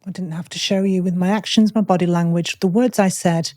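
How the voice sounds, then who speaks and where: A woman's voice: lowish voice, fairly even intonation, darkish tone, no echo. Woman podcast co-host, frank and reflective, dry close sound. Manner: frank, reflective, speaks in short measured phrases. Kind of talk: candid personal conversation.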